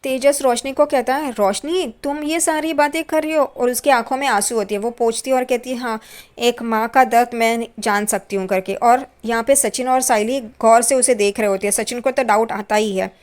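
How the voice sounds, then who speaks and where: Female recap narrator, slightly high pitch, loose conversational retelling that reads character lines flatly. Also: moderate pace. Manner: retells scenes, reading characters' lines in plain quotes. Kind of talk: casual spoken plot recap.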